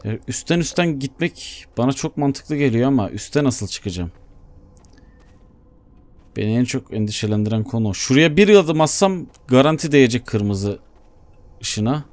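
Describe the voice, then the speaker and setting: A man giving Let's Play commentary, chatting to himself as he plays and bursting into excited shouts. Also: medium pitch, normal speed. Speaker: gaming YouTuber.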